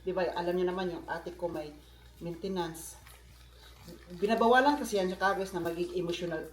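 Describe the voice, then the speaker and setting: A man's voice: high-pitched, fairly even intonation, fairly quick. Man from the philippines, casual vlog chat, talkative with asides to viewers, roomy echo. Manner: chatty, with many asides to viewers. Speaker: vlogger.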